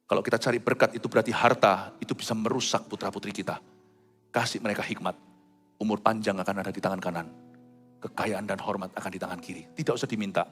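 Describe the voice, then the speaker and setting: A middle-aged man preaching a sermon, swinging between loud high exclamations and hushed low asides. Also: fairly even intonation, quick pace, big-room sound, faint music behind. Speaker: pastor.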